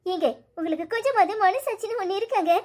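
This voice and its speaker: A woman's voice: very high voice, animated, fast. A woman voicing a pregnant young wife in a cartoon story, pleading and reproachful with her husband. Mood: hurt pleading.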